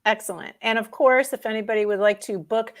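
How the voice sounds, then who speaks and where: A woman's voice: on the high side, fairly even intonation, fairly quick. A woman hosting an online music showcase, upbeat, laughing easily and using frequent fillers while she wraps up the show over a video call. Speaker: host. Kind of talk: interview and show wrap-up.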